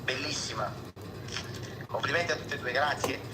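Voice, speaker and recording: A man's voice: medium pitch, moderate pace. A man from Palermo with a Sicilian accent, chatting casually as a guest on a livestream. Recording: echoey, crowd noise behind.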